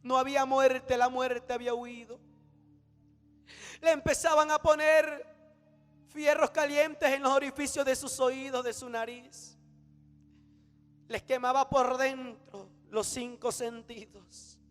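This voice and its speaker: A man preaching a fiery sermon about a vision, swinging from shouts to hushed tones. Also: very high voice, little pitch movement, slow pace, pauses often. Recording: reverberant hall with faint music.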